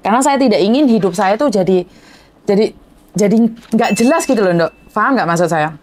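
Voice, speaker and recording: A woman hosting a call-in show, listening with steady murmurs and then giving calm personal advice. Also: medium pitch, a little fast, a little hiss or hum. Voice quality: supportive listener, many murmured "mm".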